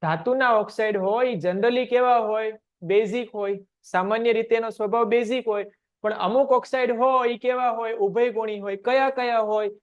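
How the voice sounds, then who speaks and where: A man teaching a science class online, asking quick questions and answering them himself. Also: very high voice, fairly even intonation, smooth, dull audio.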